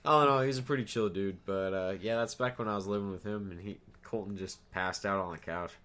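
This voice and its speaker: A man's voice: fairly low pitch, quick pace, fairly bright tone. A drunk man chatting casually as a podcast co-host, rambling loosely. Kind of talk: casual chat.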